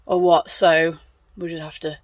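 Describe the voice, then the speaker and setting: A woman's voice: low-pitched, flat delivery, unhurried, no room sound. A young woman chatting casually on a travel vlog, thinking aloud with fillers as she films on a phone at arm's length outdoors on a canal boat. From England. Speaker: vlogger.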